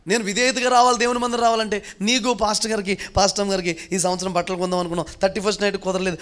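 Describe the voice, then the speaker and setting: A pastor delivers a sermon in a notably high voice for a man. He drives his points with strings of rhetorical questions, pushing some lines loud and drawing others out slow and quiet. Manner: preaching with rhetorical questions, swinging between loud and hushed.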